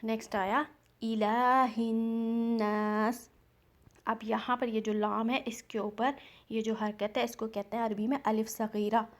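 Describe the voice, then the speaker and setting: A woman teaching Quran recitation, patiently explaining each rule and stretching out example words slowly. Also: on the high side, level tone. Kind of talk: step-by-step recitation lesson.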